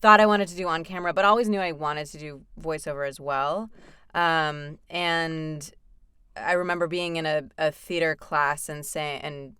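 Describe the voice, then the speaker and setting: A young American woman, a voice actor, chatting casually as an interview guest, laughing often and filling pauses with ums. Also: low-pitched, fairly even intonation, pushed and bright, clean tone, no echo. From United States.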